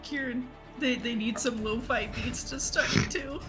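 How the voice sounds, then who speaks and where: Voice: medium pitch, steady tone, a little slow, over music. A tabletop game player chatting casually and flippantly, tossing in jokes. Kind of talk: casual joking game chat.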